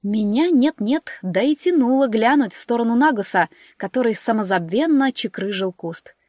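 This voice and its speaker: A woman reading a story aloud as narrator, animated and shifting her voice for dialogue. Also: moderate pace, dry recording, clean studio sound. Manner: animated, raises pitch and volume for dialogue. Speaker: audiobook narrator.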